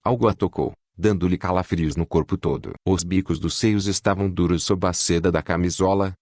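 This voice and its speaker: A man narrating a gothic audiobook in a measured, dramatic reading. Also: deep voice, steady tone, a little mellow, no room sound, clean studio sound. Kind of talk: scripted narration.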